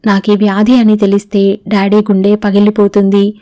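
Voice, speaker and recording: A woman's voice: mid-range voice, monotone, moderate pace, warm tone, dry recording, studio quality, natural voice. A woman reading the diary of a young woman facing terminal illness, written to her father, in an audiobook. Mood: sorrowful.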